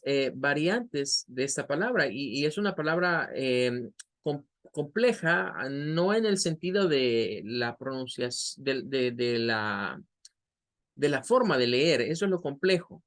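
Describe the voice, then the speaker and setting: A man with a Latin American Spanish accent, teaching an English class and slowly repeating words to model their pronunciation. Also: on the high side, lively intonation, fairly bright tone. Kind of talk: online class explanation.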